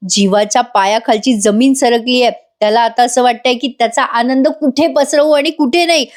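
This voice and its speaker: A woman's voice: on the high side, fairly even intonation, moderate pace. A woman giving a chatty voice-over recap of a TV serial, talking straight to her viewers and acting out the characters' lines. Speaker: TV serial reviewer. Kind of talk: voice-over episode recap with acted dialogue.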